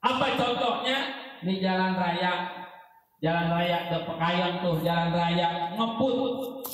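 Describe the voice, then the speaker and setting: Animated high-voiced preacher in echoey hall. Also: male voice, slow pace. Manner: animated, teasing the congregation with questions. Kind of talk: humorous sermon at an akikah gathering. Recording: echoey hall, mic heard from a distance.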